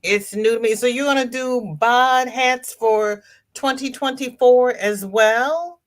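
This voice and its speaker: A congested woman hosts a casual crafting livestream, greeting viewers by name and reading their comments aloud. She speaks slowly in a slightly high voice.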